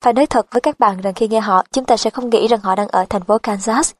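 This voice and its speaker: Woman narrating an audiobook, measured. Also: a little high, dry recording.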